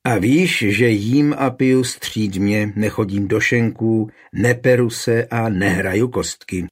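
A man voicing an aging, thoughtful father in an audiobook, in his own low, husky voice. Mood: earnest. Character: aging father Jan, tender, thoughtful master smith.

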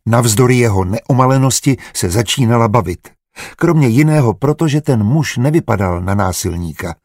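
A man narrating an audiobook in a measured, even reading style. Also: medium pitch, no room sound, studio quality.

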